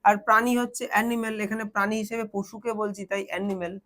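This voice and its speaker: A woman's voice: mid-range voice, steady tone, racing, fairly bright tone. A young woman teaches children translation, patiently asking questions and answering them herself. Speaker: tutor.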